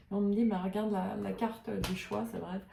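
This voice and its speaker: Mellow-voiced woman giving an intuitive card reading. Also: mid-range voice, steady tone, normal speed, gravelly. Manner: hesitant, searching for words with many fillers. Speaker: tarot and oracle card reader. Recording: roomy echo, voice a little far from the mic.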